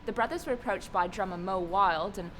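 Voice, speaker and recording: A woman's voice: medium pitch, brisk, noisy background. A woman giving formal, scripted documentary-style narration. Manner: formal, announcer-like. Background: music.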